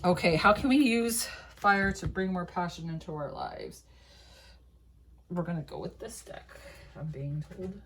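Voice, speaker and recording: A woman's voice: lowish voice, sing-song, measured pace, pauses often, husky. A young woman giving a casual tarot reading, rambling with many fillers, laughing often and swearing now and then. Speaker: tarot reader.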